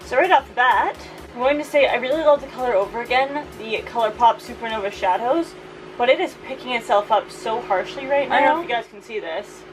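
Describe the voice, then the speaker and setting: A woman's voice: a little high, fairly quick, music in the background, poor audio. A woman vlogger chatting casually and playfully about her things in informal, slangy language, with a fan running as she talks. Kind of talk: casual beauty declutter chat. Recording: steady fan noise behind voice.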